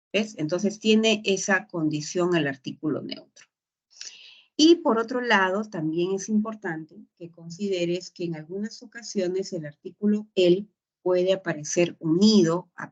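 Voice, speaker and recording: A woman teaching a grammar lesson, explaining patiently and checking in with short tag questions. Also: lowish voice. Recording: dull lo-fi sound.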